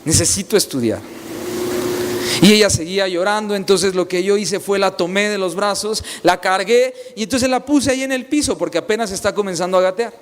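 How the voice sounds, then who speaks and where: A man's voice: sits high, brisk, few pauses, a little hiss or hum. A young man preaching a sermon, telling personal stories with repeated, emphatic phrasing. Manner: storytelling, repetitive emphatic phrasing. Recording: long reverb, faint ambience.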